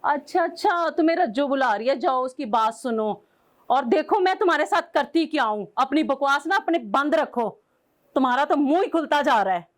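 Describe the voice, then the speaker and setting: A woman's voice: high voice, lively intonation, moderate pace. A woman from Pakistan, angrily scolding her husband on a call and then telling a host about it in an indignant, pleading way. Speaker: caller, estranged wife. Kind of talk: angry phone call to husband.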